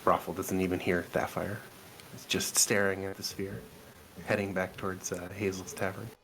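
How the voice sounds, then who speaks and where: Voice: low-pitched, little pitch movement, normal speed, fairly bright tone, slight background noise, low-quality recording. A player in a tabletop game, narrating the actions of their own character.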